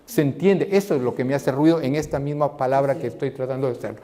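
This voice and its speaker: Brief: middle-aged teacher, mellow tone, lively class-discussion delivery. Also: male voice, fast talker. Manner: animated, acts out quoted voices in a raised pitch. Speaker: seminary teacher.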